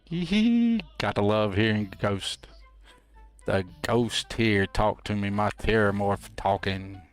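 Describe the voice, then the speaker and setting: A man's voice: lowish voice, completely flat delivery, slow, smooth, soft background music. A man hosting a game stream with casual, folksy, playful and rambling commentary. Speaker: host of a gameplay livestream.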